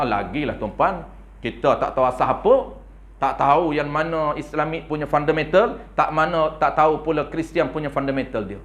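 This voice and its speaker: A man with a Malaysian Malay accent giving a religious lecture in a prayer hall, animated and playful, often tagging his points with a questioning "ha?". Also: a little high. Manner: playful, acts out little scenes. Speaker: religious teacher.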